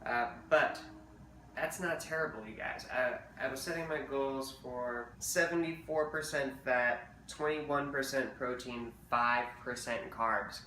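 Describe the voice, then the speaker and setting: A man's voice: mid-range voice, a little slow, sharp tone, far from the mic, slight background noise. A man rambling casually through a diet update vlog, with lots of fillers and restarts. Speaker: vlogger. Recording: roomy, off-mic with faint ambience.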